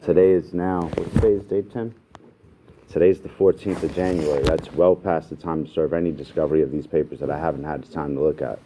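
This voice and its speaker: A man's voice: a bass voice, steady tone, fairly quick, background noise. A man representing himself in court, arguing insistently and objecting to the proceedings. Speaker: self-represented defendant. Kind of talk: courtroom argument.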